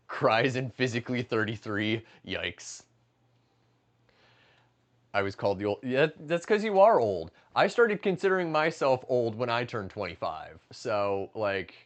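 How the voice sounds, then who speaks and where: A man in his late twenties talks loosely with his stream chat, swearing often and joking between tasks at home. His voice sits at an ordinary middle pitch for a man, and his delivery is easygoing and casual. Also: lively intonation, a little slow. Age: late 20s. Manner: profane, joking, reading chat aloud. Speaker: livestreamer. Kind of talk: casual livestream chat while cooking. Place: home kitchen, stepping outside to smoke.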